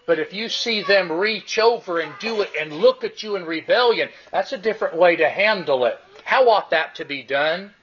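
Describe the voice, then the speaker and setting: A man preaching a sermon, emphatic and repeating his key phrases, slowing down to stress a line. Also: high-pitched, animated, a bit bright, highs cut off, a little hiss or hum.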